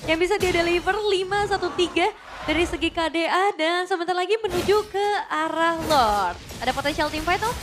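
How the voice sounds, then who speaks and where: Fast, high-voiced Indonesian female esports caster. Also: music in the background. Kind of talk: esports caster commentary, putting questions to co-casters.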